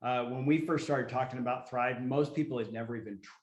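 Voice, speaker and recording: Relaxed man hosting a home video call. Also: mid-range voice, fast, echoey room. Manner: relaxed, folksy, with fillers. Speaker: host of a sales opportunity call. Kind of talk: casual pitch over video call.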